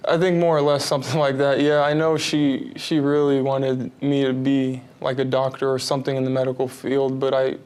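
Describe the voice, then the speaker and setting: A relaxed man in his thirties who grew up in Texas talks through his answers in a casual interview. He rambles a little and keeps his voice level and even, with hardly any rise or fall. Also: medium pitch, normal speed, hardly any pauses, clear, resonant tone. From United States (Texas). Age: 30s. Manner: relaxed, rambling, many fillers and restarts. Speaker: basketball player, interview guest.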